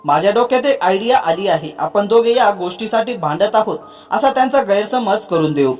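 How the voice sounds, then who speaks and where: Mock-angry young wife, fast accusing , as a storyteller puts her on. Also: medium pitch, expressive, darkish tone, soft background music, natural voice. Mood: scheming. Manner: quick, accusing.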